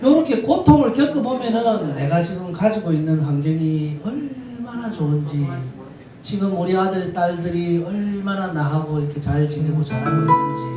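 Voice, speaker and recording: A man telling folk tales and life lessons to older women in a lively, chatty way. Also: high-pitched, normal speed, music in the background. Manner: lively, chatty, animated retelling. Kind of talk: folk-tale storytelling talk. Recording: echoey room, distant mic, faint hiss.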